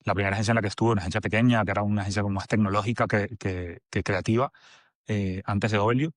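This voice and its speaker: A fairly low, steady-toned voice belongs to a Venezuelan agency director in his forties, who talks fast as an interview guest. His casual speech meanders with many fillers and restarts, and the studio recording is clean and echo-free.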